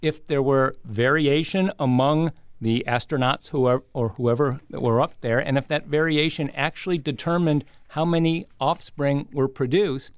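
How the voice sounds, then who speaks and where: A man giving measured, articulate explanations as a scientist guest in an interview. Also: medium pitch, no room sound, clean studio sound.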